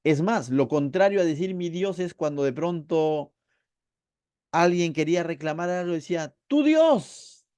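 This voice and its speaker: A man pastor with a Peruvian accent, teaching a verse-by-verse Bible sermon. He asks the listeners rhetorical questions, slows down to stress key phrases and shouts out quoted cries. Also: on the high side, fairly even intonation, smooth, no echo. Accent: Peruvian Spanish. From Peru. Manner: acts out quoted cries loudly.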